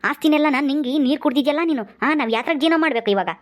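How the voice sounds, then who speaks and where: A woman's voice: high-pitched, rapid-fire, natural voice. A woman playing an earnest pleading young husband. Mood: reproachful.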